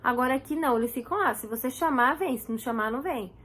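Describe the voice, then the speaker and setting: A woman's voice: sits high, fast talker, a bit bright, breathy edge. Chatty Brazilian woman vlogging. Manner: chatty, repeats words for emphasis, acts out quotes. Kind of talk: casual chat to camera.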